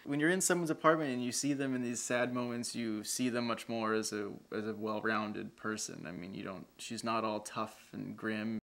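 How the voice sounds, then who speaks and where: A man's voice: fairly low pitch, steady tone, normal speed, gravelly, hardly any pauses, fairly bright tone. A man speaking bluntly and plainly in a documentary interview. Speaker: interviewee, the woman's brother.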